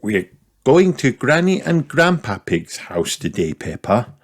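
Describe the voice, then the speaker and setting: A man voicing a sleepy, gentle mother pig in a children's storybook. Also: mid-range voice, very animated, measured pace, pitched above the performer's own voice.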